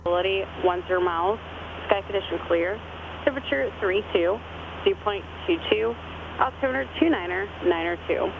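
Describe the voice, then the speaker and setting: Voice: medium pitch, a little fast. Tinny airport weather broadcast voice. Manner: flat, steady recitation of numbers. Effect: airport weather broadcast heard over aircraft radio. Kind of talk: recorded weather and runway information readout. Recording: narrow radio band with clear cockpit noise.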